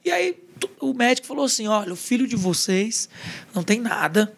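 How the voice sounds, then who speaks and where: A man's voice: extremely high pitch, fairly quick, gravelly. A man with a Brazilian accent, a pastor and podcast guest, telling a personal testimony in casual chat and acting out the dialogue in a raised voice. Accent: Brazilian Portuguese. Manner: lively retelling that acts out quoted dialogue in a raised voice.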